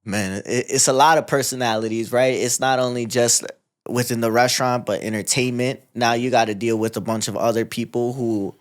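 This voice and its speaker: A man with a mid-pitched, everyday voice hosts a casual interview. He speaks reflectively and in earnest, sharing his own thoughts between questions. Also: steady tone, brisk. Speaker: podcast host.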